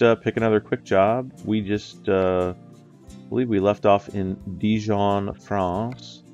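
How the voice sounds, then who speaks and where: An American man with a deep, darkish voice chats casually as a let's play host, commenting on a driving game. He sounds stuffy and nasal from a cold, rambling along with plenty of ums and uhs, and the audio is dull.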